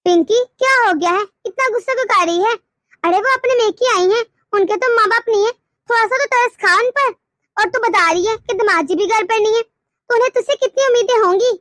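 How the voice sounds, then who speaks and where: A woman voicing a patient, consoling mother in a cartoon story, speaking slowly. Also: very high voice, dry recording, clean studio sound. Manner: calm, slow, consoling.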